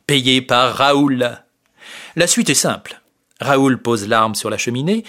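Guy reading a story aloud, clear and steady, mid-pitched, audiobook narration.

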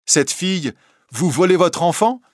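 A man voicing an eager young townswoman urging her friend to hurry, excited and quick. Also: fairly high pitch, smooth, no room sound, studio quality, pitched above the performer's own voice, close to an everyday voice.

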